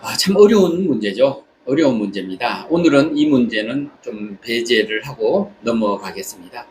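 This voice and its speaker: A man from South Korea speaking a reflective personal monologue, haltingly, pausing between short phrases. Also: medium pitch, animated. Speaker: vlogger. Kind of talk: reflective spoken monologue while travelling. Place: on holiday in Southeast Asia. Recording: clear background ambient noise.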